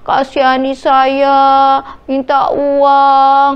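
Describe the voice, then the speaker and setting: A poor blind beggar man pleads for help, as a woman storyteller puts him on. His words stretch out slowly, the voice sitting high. He sounds humble and desperate. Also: monotone, muffled recording. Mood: sad.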